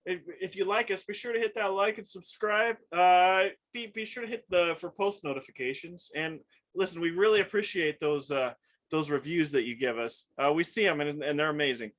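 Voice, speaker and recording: A man's voice: sits high, brisk, fairly bright tone. A man co-hosting a comedy podcast, easygoing and laughing along in casual chat. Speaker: podcast co-host.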